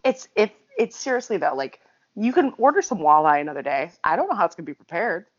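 A woman's voice: fairly low pitch, sing-song, fast, muffled recording. A woman co-hosting a casual chat, telling long rambling stories and laughing often.

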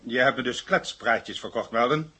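A man's voice: medium pitch, moderate pace, pushed and bright, husky. A man voicing a stern, skeptical police inspector questioning a suspect. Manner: dry, skeptical, authoritative.

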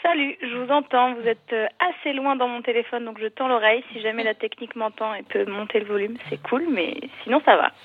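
A woman's voice: on the high side, a little fast, hardly any pauses, slight background noise. A woman calling in over a landline phone as a radio guest, talking casually with plenty of hesitant fillers. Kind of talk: casual chat. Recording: tinny landline phone line.

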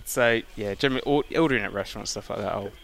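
Brief: English male guest, racing driver, lowish voice, dry and self-mocking in relaxed podcast talk. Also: rapid-fire, vocal fry, a crowd in the background. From England. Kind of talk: casual podcast chat.

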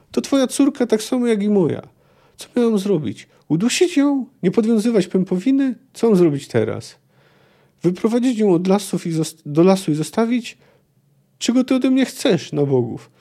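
A man's voice: high-pitched, very animated, normal speed, gravelly, warm tone, pitched above the performer's own voice, exaggerated voice. A man voicing a desperate mother who argues with her husband in a pleading, exasperated way.

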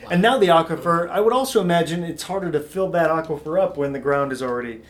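A man in casual chat, excitable and joking, swearing now and then. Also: on the high side, quick pace.

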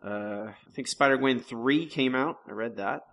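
A man's voice: mid-range voice, moderate pace, fairly bright tone. A man co-hosting a podcast in a casual chat, hesitant, full of fillers and trailing off mid-thought. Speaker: podcast co-host.

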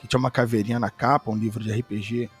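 A man's voice: fairly low pitch, level tone, very fast, slightly rough, faint music behind. A man in his thirties with a Brazilian Portuguese accent, chatting and telling stories casually as a podcast guest. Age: 30s. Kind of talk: casual storytelling chat.

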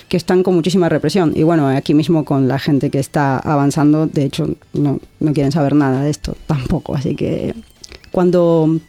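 A woman's voice: low voice, dark tone. A woman from Argentina with an Argentine accent, a guest content creator talking earnestly in a casual interview, often restarting words and adding "¿no?". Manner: earnest, reflective, frequent restarts and filler "¿no?".

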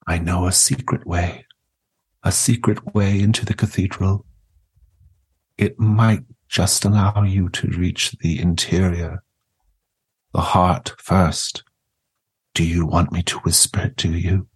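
A man voicing a warm, serene, saintly old grandmother spirit in a tabletop game, coaxing in a reverent, secretive way. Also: sits low, little pitch movement, slow, long pauses, husky, full character voice. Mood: secretive urging.

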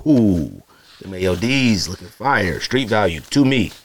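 Speaking a little slowly in a lowish voice with big pitch swings, a man from Arizona hosts a solo podcast. His casual talk is slangy and rambling, and he often mimics others.

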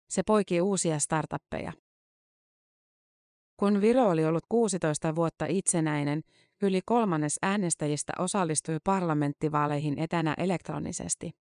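A narrator giving a scripted reading of a long-form news article, with an even, measured delivery of dates and figures. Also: mid-range voice, no room sound, studio quality.

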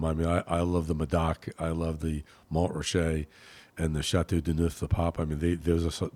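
A man with a deep voice hosts a casual podcast chat. His delivery is halting, and he often repeats words before finishing a thought. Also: darkish tone. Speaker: podcast host. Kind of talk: casual conversational hosting.

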